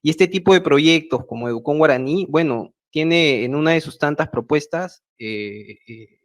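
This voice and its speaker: A man with a slightly high voice and a Peruvian Spanish accent, originally from Peru's central Andes, gives a prepared talk via a remote video call from home. His delivery to the online project meeting is measured, broken often by hesitant filler pauses, and is captured on a video call mic.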